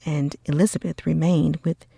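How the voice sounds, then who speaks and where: A woman reading a story for sleep in a slow, gentle, breathy ASMR whisper. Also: low voice, fairly even intonation, no room sound, clean studio sound. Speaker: audiobook reader for sleep.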